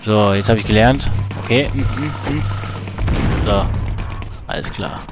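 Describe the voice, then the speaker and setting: A man's voice: fairly low pitch, measured pace. A man casually commenting on a video game as he plays, chatty and swearing at it now and then. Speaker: let's play gamer. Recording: game music behind. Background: game music.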